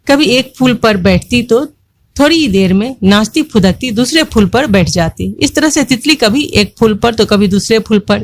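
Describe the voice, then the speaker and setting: A woman teacher retells a children's textbook story in a fairly high voice. She goes over each line again and asks her young pupils questions along the way.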